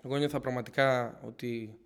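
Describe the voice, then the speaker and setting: A man's voice: mid-range voice, steady tone, smooth. A young man earnestly giving a personal faith testimony to his congregation, often restarting and repeating himself as he retells what happened. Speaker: church member giving testimony.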